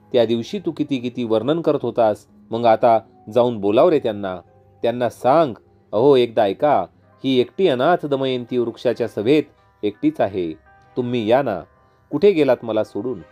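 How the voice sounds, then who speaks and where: A grieving young queen calls out in a soft, pleading voice, as a male storyteller puts her on. The tone is dark and mellow, with faint music behind her. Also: mid-range voice, moderate pace, close to an everyday voice. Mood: lamenting. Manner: softer, pleading and lamenting. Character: grieving young queen searching forest, woman.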